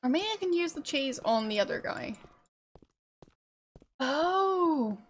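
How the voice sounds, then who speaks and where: A woman doing casual game commentary, thinking aloud in a halting, musing way. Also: sits high, expressive. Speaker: game streamer.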